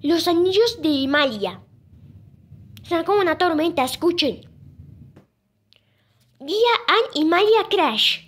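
A young girl casually presenting sound clips, pausing often and repeating "listen" and "I mean". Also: extremely high pitch, animated, a bit bright. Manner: halting, repeats "escuchen" and "o sea". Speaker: video creator presenting moon sounds.

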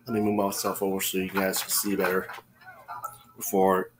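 A man's voice: low voice, completely flat delivery, moderate pace, background noise. A young man giving casual, amused commentary as host of a reaction video. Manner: amused, often chuckling.

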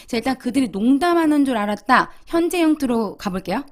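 A woman English teacher giving a language lesson, drilling example sentences slowly for listeners to repeat. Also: high-pitched, lively intonation.

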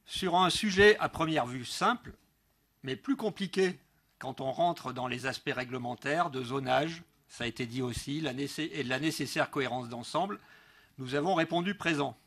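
At a council meeting, a middle-aged local elected councillor reads a prepared political speech in a formal, emphatic manner, stumbling now and again. His mid-range voice keeps a moderate pace and is a bit bright. The sound comes from a gooseneck desk microphone in a large indoor council meeting room.

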